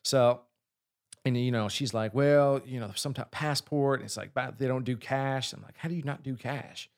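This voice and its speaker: A man, a singer, telling a long story in casual chat, with frequent swearing and lively asides. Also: mid-range voice, normal speed, creaky. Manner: profane, animated storyteller. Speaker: singer and guest.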